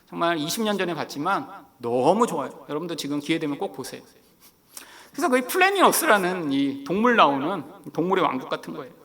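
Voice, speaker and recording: A middle-aged Korean man preaching a sermon, telling a personal story in an animated way and acting out the lines he quotes. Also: a little high, creaky. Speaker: pastor.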